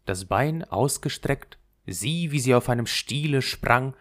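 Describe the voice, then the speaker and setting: A man reading a fairy tale aloud in an expressive storytelling manner. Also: medium pitch, a little slow. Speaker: narrator.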